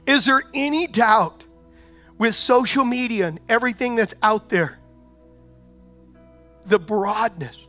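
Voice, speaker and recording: A man with a very high speaking voice delivers a sermon as pastor. He talks in a conversational way, keeps asking rhetorical questions, and rises to loud proclamations. Soft music plays underneath. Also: slow, pauses often.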